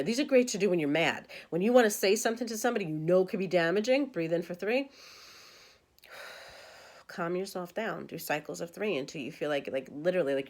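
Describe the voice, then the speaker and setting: Woman, meditation teacher, casual instructional talk, counts breaths aloud, relaxed everyday tone. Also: mid-range voice. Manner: chatty, guiding with counts and cues. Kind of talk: casual spoken meditation lesson.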